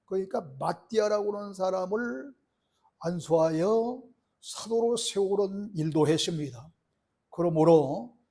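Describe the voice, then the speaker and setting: Middle-aged male pastor, earnest sermon delivery, high husky voice. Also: warm tone. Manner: earnest preaching with rhetorical questions to the congregation.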